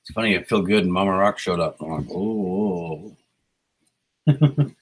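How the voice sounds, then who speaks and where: A man's voice: sits low, fast talker, fairly bright tone, low-quality recording. A man hosting a casual live stream, rambling in a laid-back way and greeting viewers by name, on a small novelty mic. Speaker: livestream host. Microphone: small novelty microphone.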